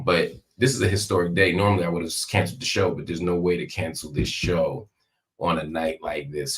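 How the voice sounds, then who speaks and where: Male live-stream political host, low voice, emphatic and conversational, leaning on repetition, recording in a hospital room. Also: fairly bright tone. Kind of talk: live political commentary, direct address to viewers.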